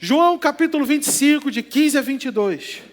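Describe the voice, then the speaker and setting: A man's voice: very high-pitched, lively intonation, normal speed. A man preaching a sermon, telling the story with playful asides and questions to the congregation. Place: church. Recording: reverberant church hall with music underneath.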